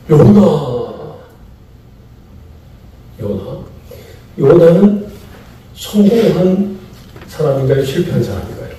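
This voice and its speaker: Dark-voiced Korean pastor preaching in echoey hall. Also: male voice, fairly high pitch, recorded from a distance. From Chungcheong, Korea. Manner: animated preaching with repeated key phrases and rhetorical questions. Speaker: guest pastor speaking at a pastors' seminar. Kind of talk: sermon-style lecture. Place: large church sanctuary. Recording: echoey church hall, mic from afar.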